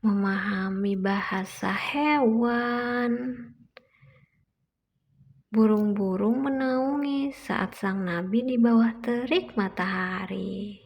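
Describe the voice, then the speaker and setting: A woman's voice: mid-range voice, slow. A woman, a mother reading a picture book aloud to toddlers in simple storytelling, repeating and explaining lines, on a muffled recording with background noise.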